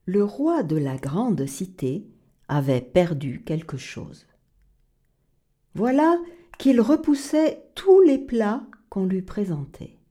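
Woman children's storyteller; expressive, unhurried, warm dark tone. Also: mid-range voice. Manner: expressive, sing-song, dramatic.

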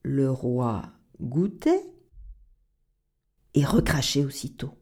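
Woman children's storyteller; expressive, unhurried, warm dark tone. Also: extremely low pitch, husky. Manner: expressive, sing-song, dramatic.

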